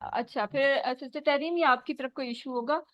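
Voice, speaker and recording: A woman teacher quizzes her students patiently, word by word, in a high voice at normal speed with no echo. She's teaching online over a faulty connection that keeps cutting her voice out, captured as dull, dry video-call audio.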